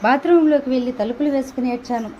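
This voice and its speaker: A woman narrating a novel in the first person with measured, emotional storytelling. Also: high voice, darkish tone, slight background noise. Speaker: audiobook narrator. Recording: dull lo-fi recording.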